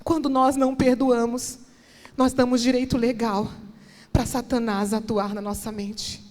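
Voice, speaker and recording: A woman's voice: a little high, flat delivery, measured pace, a little mellow. A woman minister preaching a sermon and giving an impassioned personal testimony, building to emphatic declarations. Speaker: guest minister. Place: church hall. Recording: long church reverb.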